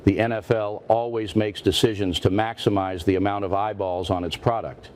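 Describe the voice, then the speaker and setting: A man's voice: lowish voice, steady tone, moderate pace, darkish tone, close to an everyday voice. A man playing a parody news anchor, a stiff, formal, indignant interviewer who presses and repeats himself. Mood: indignant, pressing. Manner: stiff, formal, repetitive, confrontational.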